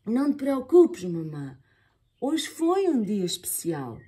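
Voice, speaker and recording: A woman voicing an excitable little girl, exclaiming dramatically in a storybook reading. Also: mid-range voice, slow pace, husky, exaggerated voice. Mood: tender.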